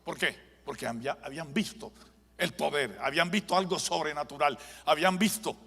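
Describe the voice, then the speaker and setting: Forceful preacher in a reverberant church. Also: male voice, on the high side, brisk, gravelly. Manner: dramatic storytelling, building to fervent preaching. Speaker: pastor. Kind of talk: live sermon. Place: church sanctuary. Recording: long church hall reverb.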